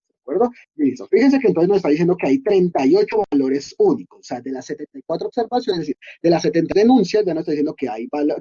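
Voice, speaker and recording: A man's voice: a little high, mellow, husky, lo-fi sound. A man giving a screen-recorded coding lesson, explaining step by step and often checking in with his students. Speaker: instructor.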